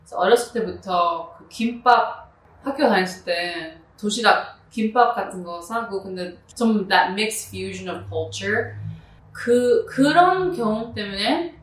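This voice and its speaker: A woman from New Jersey with a Korean American accent and native English, answering interview questions casually and haltingly, slipping between languages. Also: medium pitch. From New Jersey, United States. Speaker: musician being interviewed. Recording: roomy echo, distant microphone.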